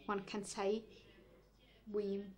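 A woman reading translated poetry aloud at a measured, deliberate pace, with a brief explanatory aside. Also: medium pitch, completely flat delivery. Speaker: poetry reader.

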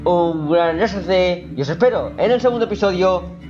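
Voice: medium pitch, expressive, normal speed. A gaming YouTuber with a Spain Spanish accent, playing a horror game with jumpy, exclaiming, nervous chatter to viewers. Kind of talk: horror game let's play commentary. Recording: dull lo-fi audio with faint game music.

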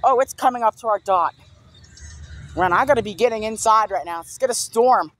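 A young man with a high-sitting, fairly quick voice vlogs casually while walking down a small-town street, excitedly repeating exclamations about an approaching storm. He films on a phone held at arm's length, and outdoor street noise comes through.

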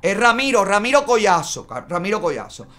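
This middle-aged Cuban host, speaking with a Cuban Spanish accent, delivers indignant political commentary from a small studio with a bright backdrop, gesturing constantly. His voice is high, sing-song, brisk and somewhat bright.

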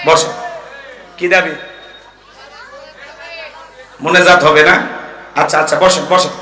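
Preacher guy doing a waz, high sharp voice, keeps asking the crowd stuff, echoey pa from far away. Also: fairly even intonation, moderate pace. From Bangladesh. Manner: rhetorical, quizzing the crowd, quoting Arabic verses. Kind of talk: Bengali waz sermon. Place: outdoor night gathering.

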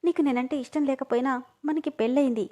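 A woman's voice: sits high, fast talker, warm tone. A woman reading the part of an emotional young woman who pleads and cries, in a storybook. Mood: tearful.

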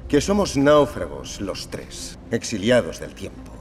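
An actor with a Castilian Spanish accent playing a smug, menacing half-machine villain in a dubbed action film, measured and theatrical. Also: male voice, fairly low pitch, big pitch swings, faint music behind. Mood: smug menace.

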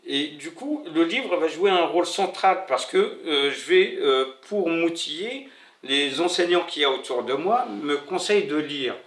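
A middle-aged Moroccan man, a bookseller who picked up French only after moving to France, reflects on his own life in an interview, pausing, repeating himself and groping for words. His voice sits a little high, expressive and fairly bright. He's seated in an indoor room with a bare wall, and the slightly distant mic catches a roomy echo.

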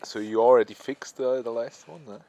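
A man's voice: mid-range voice, fairly even intonation, a little fast, mellow, muffled recording. A man interviewing from behind the camera, asking teasing questions. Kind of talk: casual interview.

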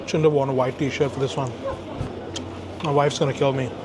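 Heavy background noise surrounds this Indian food vlogger in his thirties as he tastes sandwiches on an outdoor café terrace and chats relaxedly to camera about each bite. His pitch is medium and his pace normal, and the audio comes through a camera-mounted shotgun mic.

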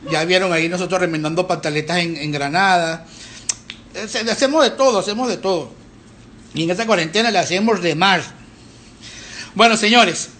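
Man, middle-aged, high voice, rambling live chat, faint hiss behind. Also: fairly bright tone. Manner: rambling, chatty, with restarts and fillers. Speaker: band frontman hosting a live stream. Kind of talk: casual live-stream chat.

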